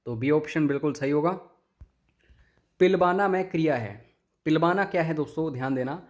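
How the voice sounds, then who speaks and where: A man's voice: on the high side, a little mellow. A young man teaching an exam-prep grammar lesson, explaining each answer step by step and addressing viewers as friends.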